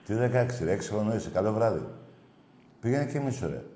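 Call-in host, male, teasing storyteller, mellow low voice, echoey room. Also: a little hiss or hum. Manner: mocking, excitable storyteller who teases callers. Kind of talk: casual joking radio chat.

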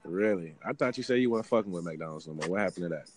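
Lowish laid-back dude, teasing and slangy on a call. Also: male voice, expressive, rapid-fire, noisy background. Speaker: radio-style host. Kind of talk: casual phone call banter.

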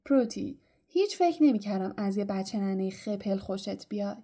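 A woman's voice: medium pitch, lively intonation, dark tone, close to an everyday voice. A woman voicing a sulky, spiteful schoolgirl who mocks scornfully. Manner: scornful, mocking.

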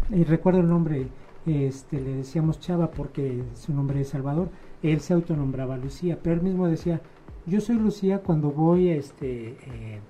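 A man chats casually, his voice dark and mellow. He tells family stories in an animated way, slipping into lively voices when he quotes relatives. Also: fairly high pitch, a little hiss or hum. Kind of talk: casual conversation.

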